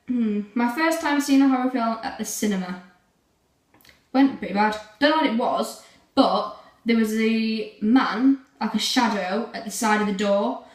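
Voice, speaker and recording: A teenage girl chatting casually to camera in a rambling way, full of fillers. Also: mid-range voice. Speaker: vlogger. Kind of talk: casual vlog chat. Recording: roomy, from a distance.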